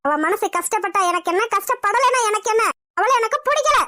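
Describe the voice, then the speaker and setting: Very high bright voice, bossy cartoon mom ranting with scorn. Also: female voice, expressive, fast, exaggerated voice. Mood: demanding. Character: domineering middle-aged mother, proud and scornful. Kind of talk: cartoon voice acting.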